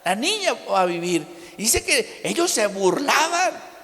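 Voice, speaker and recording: A man's voice: very high-pitched, sing-song, a little slow, pushed and bright. A man with a Mexican Spanish accent preaching a sermon in a church, often calling listeners "brother" and restarting his sentences with tag questions. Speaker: pastor. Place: church hall. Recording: long church-hall reverb.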